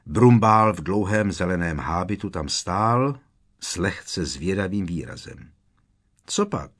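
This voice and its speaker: Guy reading an audiobook, low husky voice, goes way up and down. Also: lively intonation, fairly bright tone. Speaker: audiobook narrator. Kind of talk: expressive audiobook narration.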